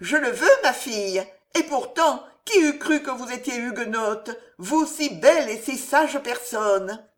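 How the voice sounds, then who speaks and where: A woman's voice: fairly high pitch, animated, measured pace, few pauses, pitched above the performer's own voice. A woman voicing a pious old landlady who speaks fervently and swears by the saints, in a read-aloud historical novel. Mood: astonished. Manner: fervent, emphatic oath-swearing.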